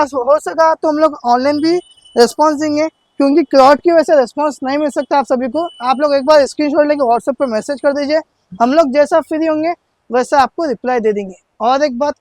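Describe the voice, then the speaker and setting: Male shop presenter, notably high-pitched, dry sound; eager, insistent, repetitive teleshopping sales pitch. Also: no echo, low-quality recording. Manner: insistent, repetitive, hard-selling. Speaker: shop seller presenting sale offers.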